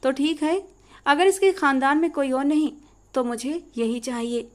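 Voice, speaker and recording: A woman's voice: high voice, unhurried. A woman voicing a ruthless, vengeful young male landlord in a storybook reading, with a menacing, commanding delivery. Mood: cruel, threatening.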